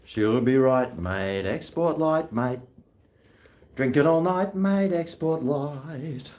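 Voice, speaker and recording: A man's voice: mid-range voice, expressive, slow pace, a little mellow. A man with a broad New Zealand accent, chatting casually and rambling to himself in slangy talk at home. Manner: chatty, self-talking, slangy. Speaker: vlogger. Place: indoors at home. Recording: echoey room.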